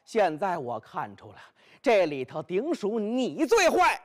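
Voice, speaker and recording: A man's voice: high voice, huge pitch swings, unhurried, exaggerated voice. A male storyteller voicing a proud young hero who sounds plaintive and accusing. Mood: aggrieved. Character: proud young hero, aggrieved and quick-tempered.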